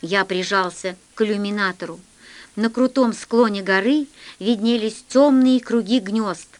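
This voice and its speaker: A woman reading a children's science fiction story aloud as scripted narration, in an expressive storytelling manner. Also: medium pitch, a little slow. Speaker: audiobook reader.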